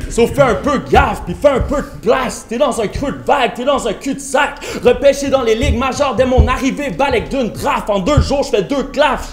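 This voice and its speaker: A man's voice: very high voice, normal speed, few pauses, roomy sound, background noise. A man with a Québécois accent spitting taunting a cappella rap battle verses, throwing punchy insults mixed with English slang at an opponent in an indoor venue. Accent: Québécois French. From Quebec. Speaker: battle rapper.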